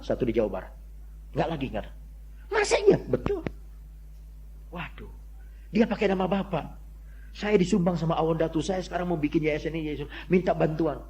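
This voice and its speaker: An older man preaching a sermon, telling stories with loud exclamations that drop to near-murmurs. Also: fairly high pitch. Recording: dull lo-fi sermon recording with faint hum.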